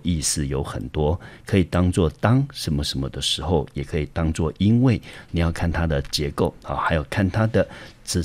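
A very deep-voiced man with a Taiwanese Mandarin accent talks through an English vocabulary lesson. He goes step by step with patient explanations and plenty of fillers. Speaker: English teacher.

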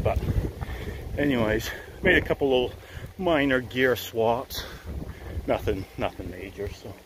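Older male hiker, handheld camera, low voice, laid-back and wry, faint outdoor noise behind. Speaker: thru-hiker vlogger. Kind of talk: casual trail vlog. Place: outdoors on a wet mountain trail in the woods. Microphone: handheld camera at arm's length.

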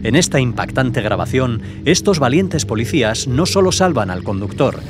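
Male narrator, medium pitch, dramatic scripted countdown voice-over with loud music underneath. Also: sing-song, moderate pace. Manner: dramatic, florid wording.

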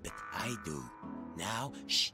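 An actor voicing a rude, pompous male hermit crab in a video game, with a gravelly voice. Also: fairly low pitch, big pitch swings, slow pace, music in the background. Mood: grumpy.

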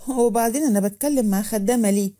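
A woman voicing a vengeful, scheming young man with an Egyptian Arabic accent, muttering threats in a lowered voice. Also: rapid-fire, dark tone, natural voice. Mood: mocking.

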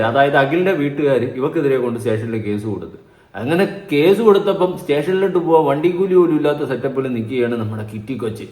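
A man with a fairly high voice delivers a reaction commentary. He keeps a sarcastic, mocking, lecturing tone throughout. His voice rings with a roomy echo. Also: darkish tone. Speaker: vlog host reacting to clips.

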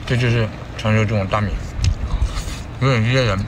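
A man's voice: on the low side, fairly even intonation, brisk, background noise. A man hosting a livestream eating show, chatting with his mouth full of rice and urging viewers to double-tap. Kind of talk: casual livestream commentary while eating. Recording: loud music behind the voice.

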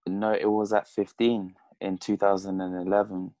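A boxer in his twenties from Congo, Zambia and the UK, a French speaker, is a guest in a casual interview held over a video call, talking through earphones from a plain room at home. His deep, mellow voice keeps a level tone at a moderate pace, and the recording is dry.

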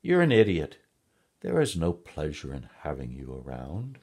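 Brief: nagging hen from a storybook, played by a man, sharp and scolding, low and husky underneath. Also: big pitch swings, moderate pace, exaggerated voice. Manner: clucking and scolding. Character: scolding, impatient female hen.

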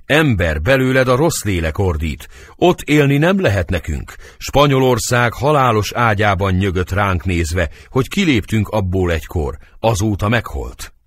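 A man voicing a gentle, earnest nobleman in an audiobook reading of a play. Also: lowish voice, animated.

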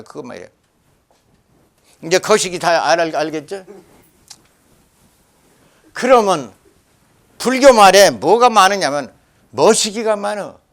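An older man lecturing forcefully in a Jeolla dialect, scolding and rambling. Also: sits high. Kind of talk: animated lecture.

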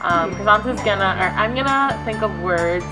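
A woman's voice: mid-range voice, lively intonation, a little fast, loud music behind the voice, low-quality recording. A young woman hosting a casual challenge video, chatty and prone to giggling. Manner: giggly, breaks into laughter often; chatty, rambling explanations. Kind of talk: casual chat.

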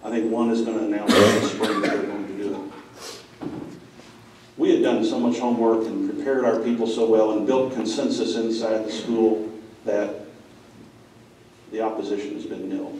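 A middle-aged man speaks to a conference audience in a plainspoken, storytelling way, his voice low and dark. He is picked up from across the room, so it sounds distant and very echoey, with a faint hiss behind him. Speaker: school president. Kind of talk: conference talk. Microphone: far room mic.

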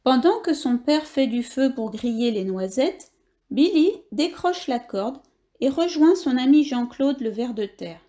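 A woman reading a children's picture book aloud, with lively storytelling. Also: high-pitched, a little slow. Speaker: reader.

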